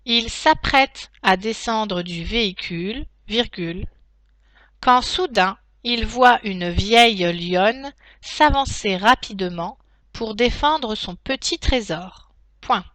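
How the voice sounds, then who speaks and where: A woman teacher dictating a text to pupils, phrase by phrase, in a deliberate, carefully articulated way with pauses. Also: a little high, a bit bright, dry recording. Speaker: primary school teacher.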